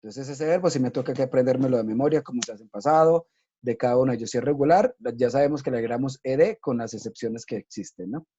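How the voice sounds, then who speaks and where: A man gives a recorded English lesson to children, patient and methodical, checking often that they follow. His voice is mellow and dark. The recording sounds dull and lo-fi. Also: medium pitch, fast, slightly rough. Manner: patient, explains step by step, checks in with "¿listo?". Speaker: English teacher. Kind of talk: recorded online class for children.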